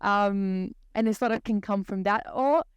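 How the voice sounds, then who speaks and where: A woman with a Brazilian accent, explaining her ideas in a thoughtful, measured way as a podcast guest. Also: mid-range voice, clear, resonant tone, no echo, highs cut off. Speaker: guest consultant. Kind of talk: podcast interview.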